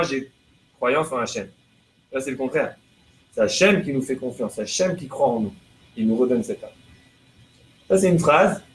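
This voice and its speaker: Man teaching a class in an echoey room. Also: fairly high pitch. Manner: explains through chains of rhetorical questions; translates prayer lines phrase by phrase. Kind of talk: religious lesson to a live audience. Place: room with listeners present. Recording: echoey room with faint background noise.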